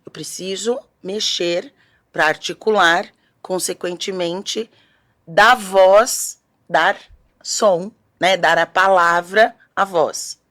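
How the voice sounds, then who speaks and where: A woman's voice: on the low side, fairly bright tone. A woman speech therapist from Brazil, explaining as an interview guest in a didactic, step-by-step way.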